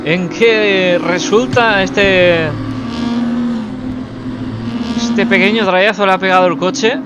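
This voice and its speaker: A man's voice: sits high, fairly even intonation, unhurried, dull audio. A man giving live motorsport commentary, calling out the action and exclaiming at position changes. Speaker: sim racing commentator. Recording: loud car engine noise behind.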